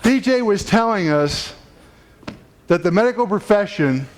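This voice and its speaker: A chiropractic speaker gives a motivational talk to fellow professionals in a conference room, with a live audience listening. He is preachy and emphatic, building up intensity, and his high-pitched, animated voice moves a little slowly.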